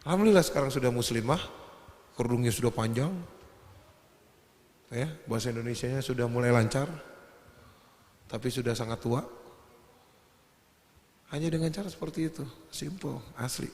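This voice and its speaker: A man talks casually to a gathering, telling stories and acting out the people in them. His voice sits at a middle pitch. The sound is echoey, with a long hall reverb. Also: normal speed, pauses often. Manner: lively storytelling with acted quotes and laughter. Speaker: guest speaker.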